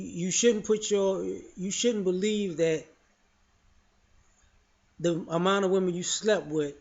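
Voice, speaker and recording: A man's voice: sits high, darkish tone. A man giving his opinions in casual spoken commentary, frank and loose, often saying "you know" and restarting his sentences. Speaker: vlogger sharing opinions. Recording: dull lo-fi audio.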